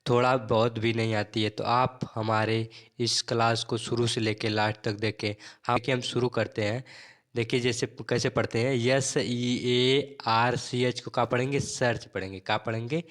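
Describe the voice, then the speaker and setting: A man's voice: mid-range voice, flat delivery, fairly bright tone. A man teaching an English lesson, spelling words out letter by letter and asking and answering his own questions in a drilling rhythm. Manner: spells words letter by letter, then repeats them slowly.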